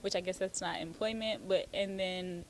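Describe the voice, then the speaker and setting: A woman from Houston, Texas, an attorney and author appearing as an interview guest, gives casual, chatty answers packed with "um" and "like." Her voice is lowish and steady at a moderate pace, against a noisy background.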